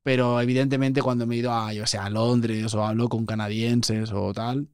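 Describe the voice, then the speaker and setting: A man's voice: medium pitch, normal speed, clean tone, no echo, studio quality. A man, a podcast guest chatting casually and acting out the voices in his stories. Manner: animated storyteller, acts out quoted voices.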